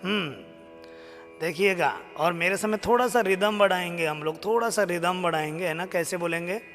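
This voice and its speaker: A man with a high voice leads a slow lesson in chanting a devotional hymn. He sings each line and then gently urges listeners to repeat it. A long reverb and faint music hang behind him. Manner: chants verses slowly, then coaxes viewers to repeat. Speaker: stotra recitation teacher. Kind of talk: live stream chanting lesson.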